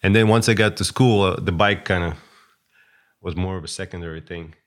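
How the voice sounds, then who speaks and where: A man's voice: low voice, a little fast. A man, a guest chatting casually and hesitantly, with many fillers and restarts. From Russia. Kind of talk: casual interview chat.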